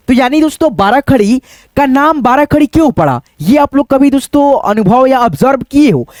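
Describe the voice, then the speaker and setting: A man's voice: very high-pitched, darkish tone, no echo. Patient teacher man, dry close sound. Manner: patient, repeats and counts aloud, addresses viewers as friends. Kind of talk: board lesson for beginners.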